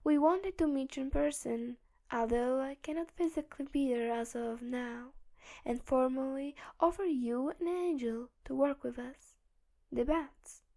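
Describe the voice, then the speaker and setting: A woman's voice: high voice, unhurried, vocal fry, warm tone. A woman reading a kind, formal female hacker. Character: female hacker speaking via voice modulator, kind. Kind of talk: fan audiobook reading.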